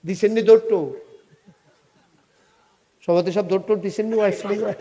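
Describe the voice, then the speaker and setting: A man's voice: high voice, normal speed. A man preaching a humorous sermon, telling a story, acting out dialogue and joking with the audience. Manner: animated, jokes with audience, acts out dialogue. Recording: reverberant hall.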